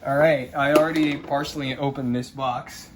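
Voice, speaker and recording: A man with a medium-pitched, steady voice narrates a radio unboxing video at normal speed. Like a presenter, he announces each step in a casual, showy hobbyist way. It's a noisy room recording with ambient hiss.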